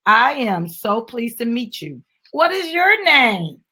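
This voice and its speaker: Reading a storybook with her daughter, a slightly husky middle-aged woman speaks slowly with big pitch swings, her voice on the high side and pushed and bright. She adds dramatic flair and casual asides, turning to ask the child and audience questions.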